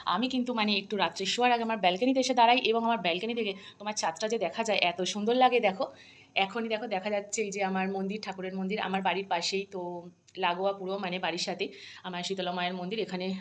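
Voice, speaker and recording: A woman's voice: mid-range voice, echoey room. A woman, chatting casually as a lifestyle vlogger into her phone, repeating herself and pleading with viewers. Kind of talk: casual vlog talk to camera.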